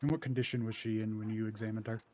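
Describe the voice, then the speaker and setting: A man's voice: fairly low pitch, fairly even intonation, rapid-fire, dark tone, natural voice. A man playing a methodical trial lawyer who puts formal, probing questions in a courtroom role-play.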